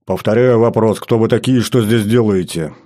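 A man reading an audiobook, voicing a gruff, mustached army sergeant who speaks curtly and barks commands. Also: fairly low pitch, moderate pace, dark tone, natural voice. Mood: stern. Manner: curt, barking commands. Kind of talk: audiobook character voice.

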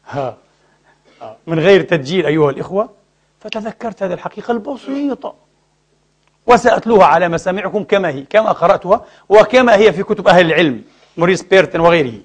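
A man delivering a sermon in a high, quick voice. He drives his points home with emphatic rhetorical questions to the congregation. He weaves in stories and asides as he goes. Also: breathy edge. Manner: storytelling with asides and jokes. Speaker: preacher.

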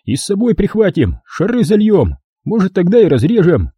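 A dim-witted young thug, voiced by a man reading a storybook who whines and wheedles. His voice is husky and dark, recorded dry and close. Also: sits high, wildly swooping pitch, moderate pace, dry recording, pitched above the performer's own voice, full character voice. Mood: whiny. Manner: complaining, wheedling.

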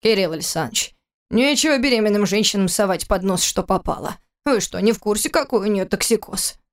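A woman's voice: mid-range voice, expressive, brisk, close to an everyday voice. A woman reading an audiobook voices an older housekeeper who talks in a matter-of-fact, scolding way.

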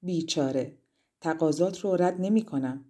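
A woman voicing a haughty, greedy princess in a fairy-tale audiobook, exclaiming loudly and mocking slyly. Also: low voice, natural voice. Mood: smug.

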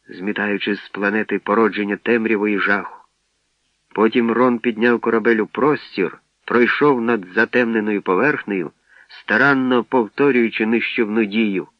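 Чоловік-оповідач аудіокниги, низький голос, рівне читання, глухий сухий запис. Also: male voice, fairly low pitch, no room sound. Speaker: narrator. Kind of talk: audiobook narration. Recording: dull, dry lo-fi recording.

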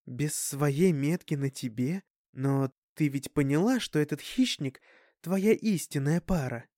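Gentle protective mother, soft measured delivery, read by a male narrator, slightly high, dry recording. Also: expressive, no room sound. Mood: careful, probing.

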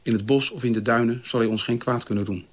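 A man's voice: medium pitch, fairly even intonation, fast, close to an everyday voice. A man voicing a weary, strict mother who tries to protect her sons. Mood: soothing. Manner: stern, hushed.

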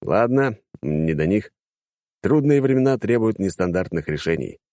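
Low-voiced lively male audiobook narrator. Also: normal speed, dry recording, clean studio sound. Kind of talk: first-person audiobook narration.

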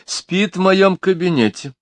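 A man voicing an excitable, playful young woman in an audiobook, speaking in bright, excited exclamations. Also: sits high, measured pace, no room sound, pitched above the performer's own voice. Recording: dry close studio sound.

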